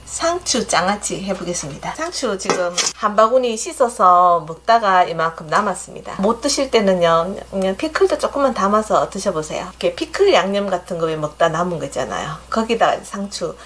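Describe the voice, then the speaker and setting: A woman's voice: mid-range voice, expressive, brisk, hardly any pauses, fairly bright tone. A middle-aged woman with a Gyeongsang accent, hosting a home cooking demonstration in a chatty, homey way, with dishes clinking in her kitchen. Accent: Gyeongsang Korean. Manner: chatty, homey step-by-step instructions. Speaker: cooking channel host. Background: clinking dishes and pots.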